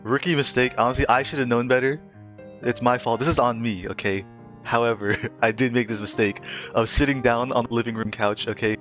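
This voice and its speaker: A man's voice: mid-range voice, fairly even intonation, a little fast, fairly bright tone. Giggly young man chatting on stream. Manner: giggly, rambling, laughs between phrases. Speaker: livestream host. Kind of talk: casual stream chat and storytelling. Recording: slightly muffled lo-fi audio, faint music.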